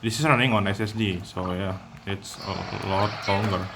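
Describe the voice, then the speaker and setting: A man giving casual gameplay commentary from home, talking in a halting way with loose phrasing and many pauses. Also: low-pitched, fairly even intonation, vocal fry. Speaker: gameplay video maker. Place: at home with a cat nearby. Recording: noisy background hiss.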